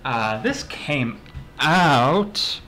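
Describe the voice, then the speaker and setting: A man's voice: medium pitch, sing-song, drawn-out words, sharp tone, slight background noise. A man hosting a let's play, chatting casually in a rambling way with wry asides. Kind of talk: casual gameplay commentary. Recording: game music behind voice. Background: game music and dialogue.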